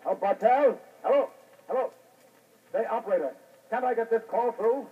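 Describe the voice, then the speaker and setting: Urgent wire reporter, clipped dictation, old newsreel radio sound, muffled, lo-fi. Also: male voice, very high-pitched, normal speed, far from the mic, slight background noise. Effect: old newsreel-style radio broadcast sound. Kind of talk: 1940s radio acting.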